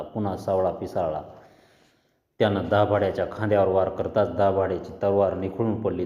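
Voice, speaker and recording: Low-voiced man reading a story aloud. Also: mellow. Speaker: narrator. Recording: roomy dull hall reverb.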